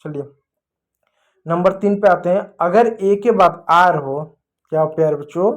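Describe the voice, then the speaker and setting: A man with a slightly higher voice leads a children's English lesson. He works in a question-and-answer rhythm, firing off a question and answering it himself. He calls out example words slowly, louder than his running talk, and keeps coming back to the children with fond words. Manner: addresses children affectionately. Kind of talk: classroom-style phonics lesson.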